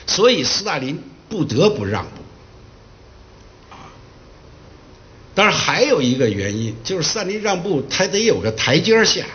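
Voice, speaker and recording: A man giving a public history lecture, telling the story in a lively way and acting out the quoted dialogue. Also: fairly high pitch, measured pace, long pauses, dull audio.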